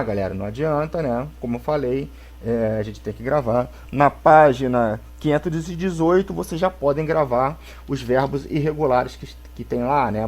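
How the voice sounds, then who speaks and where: A male teacher with a Brazilian accent gives a recorded English grammar lesson to schoolchildren. He explains slowly and keeps checking in with the class. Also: mid-range voice. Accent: Brazilian Portuguese. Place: home, for a video lesson.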